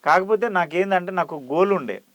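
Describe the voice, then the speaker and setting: A man, an actor and mimicry artist, answering interview questions in an emphatic, lively way. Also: high-pitched, a little fast, highs cut off.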